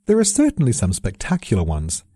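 A man's voice: fairly low pitch, huge pitch swings, brisk, dark tone, husky, no echo. A British man reading a scripted science explainer in a dry, precise, lightly witty way. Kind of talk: scripted narration.

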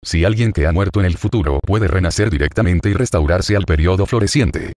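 A man's voice: deep voice, a little fast, a little mellow, dry recording, studio quality, lightly acted. A man voicing a formal, game-style system that makes announcements in a web novel reading.

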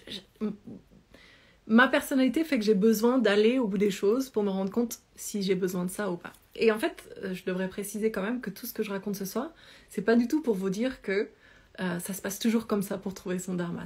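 Chatty woman telling her own story. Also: on the high side. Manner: chatty, animated hand gestures, many fillers and restarts. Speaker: yoga teacher and life coach. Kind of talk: casual personal storytelling. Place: small indoor room at home. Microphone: phone or webcam close to face.

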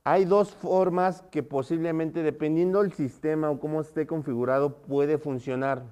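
A male teacher leads a live online class in a slightly high, smooth, clear voice. He walks through each step and keeps checking in with his students through short questions. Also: fairly even intonation, normal speed, mellow.

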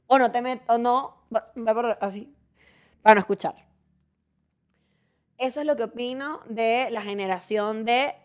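A woman with a Venezuelan accent, hosting a casual monologue, talking in an animated, opinionated way and rambling through asides and restarts. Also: mid-range voice. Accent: Venezuelan Spanish. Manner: animated, opinionated and playfully ranting; chatty with frequent restarts and asides. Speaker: podcast host.

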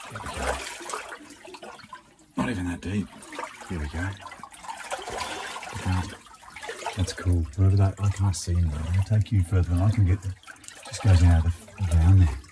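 A man's voice: deep voice, moderate pace, pauses often. A middle-aged man, chatting casually and slangily to camera in a laid-back way as a vlogger. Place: outdoor rocky canyon in shallow water. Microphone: phone at arm's length. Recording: watery outdoor noise, phone video. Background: splashing, running water.

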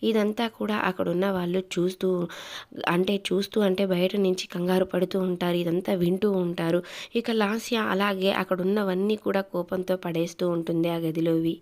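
A woman's voice: lowish voice, steady tone, normal speed, darkish tone. A woman retelling a TV serial episode in a loose narration with frequent restarts and repeated phrases. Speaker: TV serial reviewer.

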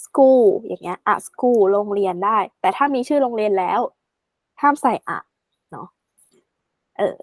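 A woman tutoring a student in a casual, chatty way, addressing the learner affectionately and slowing right down to spell out English examples. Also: on the high side, lively intonation, no room sound.

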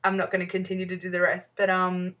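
A young woman chats through her fans' questions, laughing often and drifting off topic. Her voice is bright and sharp. She sits a bit back from the microphone. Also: on the low side, completely flat delivery, fast talker, far from the mic. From New Zealand. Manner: chatty, giggly, many "um"s, easily sidetracked. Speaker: vlogger. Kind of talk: casual chat answering fan questions.

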